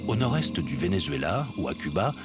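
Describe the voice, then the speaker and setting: A man's voice: sits low, sing-song, a little fast. A man reading scripted nature documentary narration. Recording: music behind the voice.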